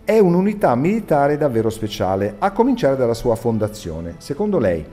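Male quiz host, very animated intonation, teasing and encouraging, music behind. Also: medium pitch, a little fast. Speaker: radio quiz show host. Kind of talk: playful live quiz interview.

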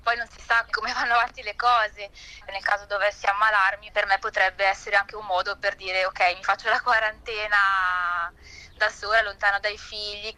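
A woman nurse calmly explaining her situation, heard over a speakerphone in a news report. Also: mid-range voice, normal speed. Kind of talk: phoned-in account in a news report. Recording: tinny speakerphone line.

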